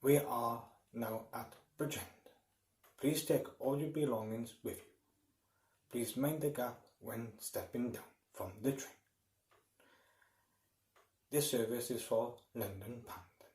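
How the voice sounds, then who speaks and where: A man making formal, measured scripted train announcements over the intercom. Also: medium pitch, darkish tone. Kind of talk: scripted public address announcement. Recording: echoey, distant intercom sound.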